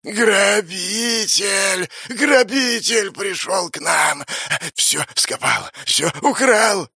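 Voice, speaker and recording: A man voicing a towering vengeful male undead ghost, speaking in slow, broken, whispery rasping phrases. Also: high voice, bright, forceful tone, dry recording, clean studio sound, voice pushed up, exaggerated voice. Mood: furious. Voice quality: slow eerie whispery rasp.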